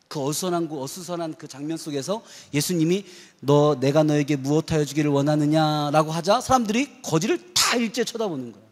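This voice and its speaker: A male pastor preaching a sermon, lively, acting out loud cries and quoted prayers to the congregation. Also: high-pitched, breathy edge. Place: church sanctuary. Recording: long hall reverb of a church.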